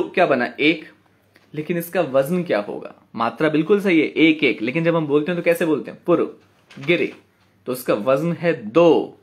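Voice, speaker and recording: A man with a slightly raised pitch teaches an online poetry class. He stretches words out slowly to show their syllable weight and keeps checking that his students follow. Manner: patient, repeats words slowly to count syllables.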